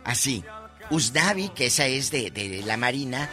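A man's voice: mid-range voice, sing-song, normal speed, sharp tone, faint music behind. A man from Mexico co-hosting a comic radio show, joking and acting out voices in his anecdotes. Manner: playful, acts out voices in anecdotes. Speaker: radio co-host.

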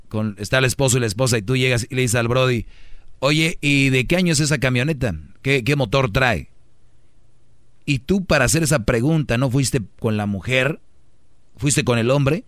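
A man's voice: medium pitch, fairly bright tone, no room sound. Mexican guy ranting sarcastically, doing silly voices for quotes, dry close mic. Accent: Mexican Spanish. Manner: mocking, acts out quotes in exaggerated voices. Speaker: host. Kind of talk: sarcastic commentary.

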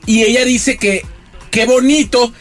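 A man's voice: very high voice, steady tone, unhurried, fairly bright tone, soft background music. A man co-hosting a comedy radio show, explaining stories with sing-song emphasis.

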